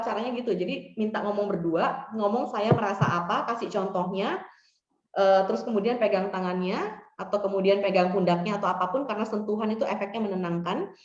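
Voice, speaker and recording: Woman counselor, echoey dull recording. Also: medium pitch. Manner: conversational, acts out example dialogues. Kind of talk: workshop talk giving advice.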